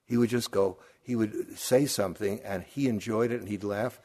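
An older male meditation teacher giving a dharma talk on retreat, speaking in a low, slightly husky voice. He tells stories in a conversational way and keeps turning to his listeners with rhetorical questions. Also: moderate pace, a little mellow.

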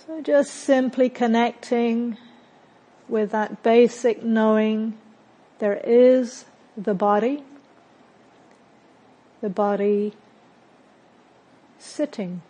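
In this low-quality recording, a meditation teacher guides a body scan at a very slow pace. Her voice is slightly high, and she speaks calmly and gently in short phrases separated by long, unhurried pauses.

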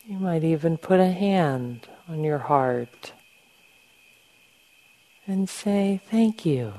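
A meditation teacher guides a session in a low, mellow voice that is still expressive. She talks very slowly and gently, giving instructions in short phrases separated by long pauses.

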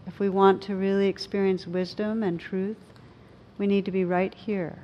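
A woman speaking as a meditation teacher, in a gentle, unhurried way with frequent pauses, as in a reflective talk or guided practice. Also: little pitch movement, lo-fi sound. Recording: clear low rumbling background noise.

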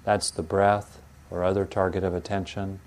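Soothing, low-voiced man guiding meditation. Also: flat delivery, a little hiss or hum. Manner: soothing, gentle, unhurried, like a yoga teacher, with pauses. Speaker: meditation teacher leading a guided sitting. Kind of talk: guided meditation instruction.

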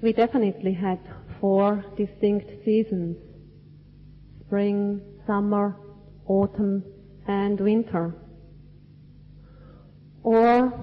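A woman from Switzerland giving a Buddhist dharma talk in a cinema hall, speaking in slow, measured, deliberate phrases. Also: medium pitch. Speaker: Buddhist teacher. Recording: dull lo-fi recording with long hall reverb.

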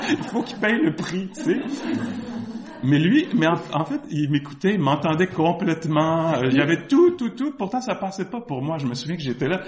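A man's voice: a little high, big pitch swings, brisk. A man, a meditation teacher answering questions in a talk, reflective and hesitant, with frequent restarts. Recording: echoey room.

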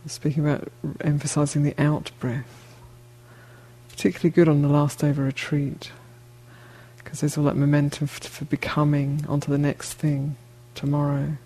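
In a deep voice with little pitch movement, a woman teaches a guided meditation. She keeps her phrases short and gentle, speaking unhurriedly with long pauses between them.

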